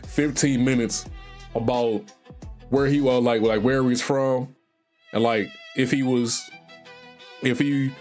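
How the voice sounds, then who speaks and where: A man's voice: mid-range voice, steady tone, slow, pauses often, darkish tone. A young man with a Southern accent tells a long work story on his stream, loose, profane and full of slang. He jumps into the other people's lines as he goes, with faint music playing behind him. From Virginia, US. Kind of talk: casual storytelling.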